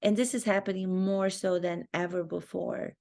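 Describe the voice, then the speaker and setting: A woman with a Romanian accent, an acting teacher, thinks aloud earnestly and reflectively while commenting to camera in her own talking-head video. Her voice is lowish, creaky, and a little mellow, with a flat delivery at a moderate pace.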